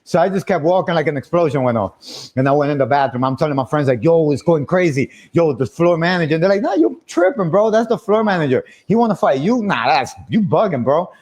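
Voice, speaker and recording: Animated high-voiced man telling a story. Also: fast talker. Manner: animated, laughing, acting out quoted voices. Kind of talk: casual storytelling on a livestream.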